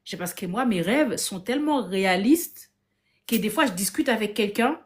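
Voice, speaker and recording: A woman telling a story casually on a live video stream from her phone. She speaks with lively energy, keeps restarting her phrases and acts out the lines of the people in her story. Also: mid-range voice, normal speed. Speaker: guest on a live discussion.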